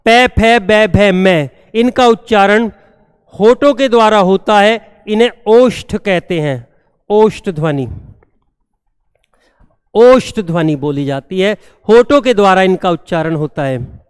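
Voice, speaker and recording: A man teaching a classroom grammar lesson, repeating each term slowly and checking that students have understood. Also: sits high, expressive, clear, resonant tone, clean studio sound. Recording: long hall reverb.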